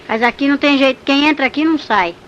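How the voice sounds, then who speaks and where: A scornful devil , as a woman puts him on, drawls his taunts slowly and with cruelty. The recording is a little dull, with a faint hiss underneath. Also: high voice, fairly bright tone. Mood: taunting.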